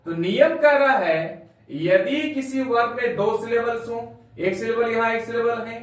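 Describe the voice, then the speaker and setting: In a very echoey room with the mic far off, a man with an extremely high-pitched voice teaches an English grammar lesson at normal speed. He spells words out letter by letter and calls his students "dear children."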